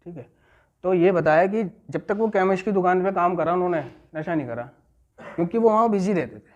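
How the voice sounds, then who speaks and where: A man's voice: high voice, a little fast. A man leading an addiction recovery class, telling a story as a lecture, repeating key phrases and checking in with his listeners. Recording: muffled lo-fi recording.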